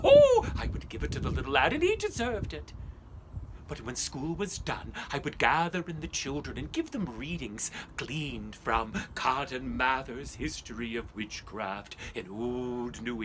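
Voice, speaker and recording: A man's voice: mid-range voice, sharp tone, slight background noise, poor audio. An actor playing Ichabod Crane, a lean, vain, superstitious schoolmaster, telling his tale in a theatrical monologue with old-fashioned phrasing, sudden shrieks and whispers. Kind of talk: theatrical first-person storytelling monologue.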